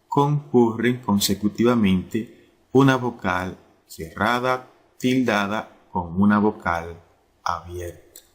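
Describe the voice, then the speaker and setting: Male teacher voice, unhurried and measured, repeats key terms as he explains. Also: on the low side. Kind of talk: slow explanatory lesson.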